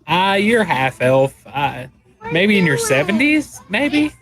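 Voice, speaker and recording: A man playing a tabletop game, describing things casually in a halting, explanatory way. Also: high voice, sing-song.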